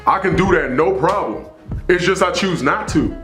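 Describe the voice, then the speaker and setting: A man's voice: high-pitched, normal speed, fairly bright tone, faint music behind. Emphatic man preaching in an echoey room. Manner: emphatic, preachy, repeats phrases for stress. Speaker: commentary vlogger. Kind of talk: opinion monologue to camera.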